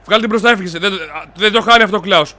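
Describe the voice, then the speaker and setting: A young man loudly commenting while he plays a football video game, cheering and cursing at his players. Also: high voice. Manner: loud, excitable, yells and swears at his players. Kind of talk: excited gaming commentary.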